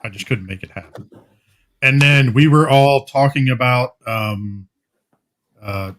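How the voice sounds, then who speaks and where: A man co-hosting a podcast, telling how the show started in a rambling casual way, full of fillers and quick laughs. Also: on the low side, fairly bright tone. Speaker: podcast co-host. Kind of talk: casual chat.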